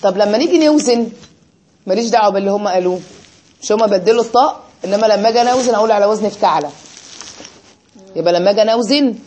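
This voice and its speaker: Quick Egyptian teacher quizzing students. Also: medium pitch, darkish tone, low-quality recording. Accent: Egyptian Arabic. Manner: quizzes with rhetorical questions. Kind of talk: explaining grammar lesson.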